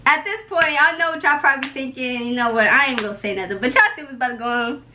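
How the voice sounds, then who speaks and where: A woman's voice: high-pitched, fast, background noise. A young woman hosting a casual vlog at home, talking to camera in playful, slangy, chatty patter. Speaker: YouTube vlogger host. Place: indoors at home.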